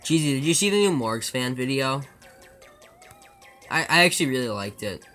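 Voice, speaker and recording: A man's voice: mid-range voice, lively intonation, normal speed, bright, forceful tone, faint music behind. A man chatting casually with his viewers during a live speedrun stream, joking and rambling with stammered restarts.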